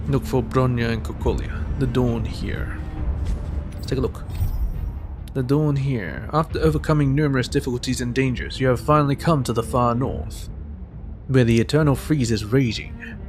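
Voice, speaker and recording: A man's voice: medium pitch, normal speed. An Australian man playing a video game, reading its text aloud and tossing in casual, muttered asides, with the game's music behind him. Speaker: gamer playing through a game.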